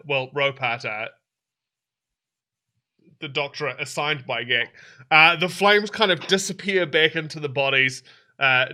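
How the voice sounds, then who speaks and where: A man narrating as game master of a tabletop game. His voice is very bright and somewhat high. He describes scenes in a loose, rambling way, full of fillers.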